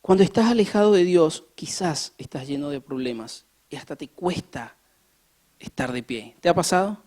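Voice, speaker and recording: Lively preacher doing a church sermon, keeps asking the room questions, builds up the emphasis. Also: mid-range voice, moderate pace. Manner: animated, asks the congregation questions; acts out scenes with rising emphasis. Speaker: pastor.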